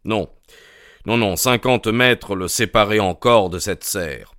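Man voicing a grave, reluctant country doctor in an audiobook; low, slow, smooth, earnest. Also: fairly bright tone, dry recording, clean studio sound. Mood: factual. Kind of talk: audiobook character reading.

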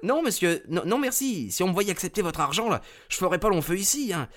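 A man voicing an excitable young stable groom in a reading of a detective story, talking high, fast and nervously. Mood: flustered. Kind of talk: audiobook narration.

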